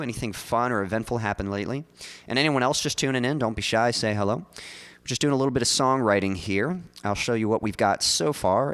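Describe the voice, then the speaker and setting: A man's voice: mid-range voice, fairly bright tone, in a large hall. A man streaming as a songwriter, talking loosely with lots of "like" and "um" into a studio mic in front of his mouth. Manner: loose and chatty, full of likes and ums. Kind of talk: casual livestream chat.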